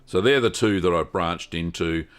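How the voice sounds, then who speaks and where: An older Australian man with a low voice hosts a live-stream Q&A, answering cheese-making questions at a moderate pace. He talks in a rambling, friendly way, with lots of ums.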